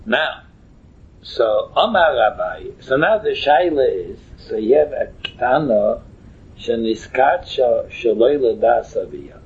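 A very husky man with a Yiddish accent takes his time leading a religious lesson. He halts, repeats himself and rephrases as he explains the text in an informal, storytelling way. The sound is thin and boxed-in, like a telephone connection. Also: mid-range voice, expressive, slow pace, a little mellow. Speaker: Talmud teacher. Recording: muffled, thin phone-like line.

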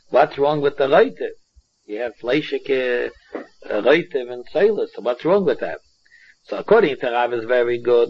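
A man with a Yiddish accent teaching a religious text line by line, halting and repeating phrases as he explains. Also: mid-range voice, husky. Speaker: Talmud teacher. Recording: dull, muffled lo-fi recording.

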